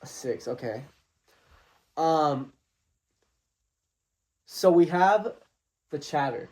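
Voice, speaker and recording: A young man co-hosting a podcast, casually pitching silly superhero ideas and teasing his friend. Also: animated, extremely slow, a little mellow. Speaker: podcast co-host. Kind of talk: casual comedic chat.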